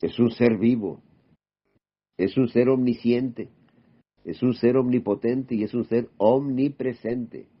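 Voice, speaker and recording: A man giving an informal sermon, firing off rhetorical questions and checking in with a quick "mm?". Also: medium pitch, husky. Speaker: preacher. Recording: dull lo-fi recording.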